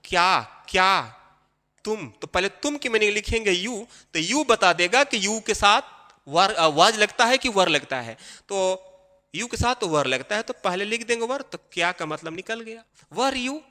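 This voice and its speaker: Guy teaching grammar, high bright voice, lots of reverb from the room. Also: expressive. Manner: explains step by step, repeating key phrases slowly. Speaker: English teacher. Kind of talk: classroom grammar lesson. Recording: long hall reverb.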